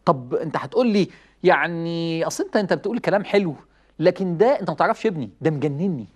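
A man with an Egyptian Arabic accent giving a lively religious talk, telling stories, chuckling and acting out quoted lines. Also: a little high, very fast. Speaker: preacher.

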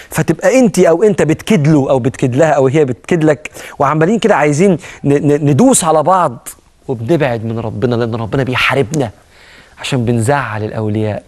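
A man with an Egyptian Arabic accent giving an earnest religious talk, moving between loud emphasis and soft low asides. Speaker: preacher.

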